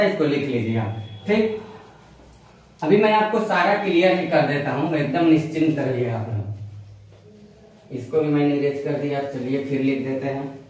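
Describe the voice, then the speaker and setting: A man's voice: a little high, a little hiss or hum. A male exam-prep teacher giving a whiteboard lecture and explaining each point step by step, repeating key as he writes. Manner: repetitive, explains step by step while writing on a board. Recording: very echoey room, mic at a distance.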